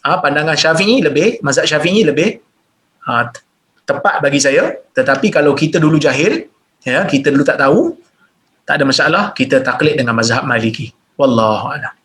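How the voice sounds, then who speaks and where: A man with a Malaysian Malay accent reading out listeners' questions and answering them in a religious Q&A lecture, explaining plainly and jumping up in pitch to stress points. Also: fairly quick, a bit bright. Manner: reads questions aloud then explains plainly.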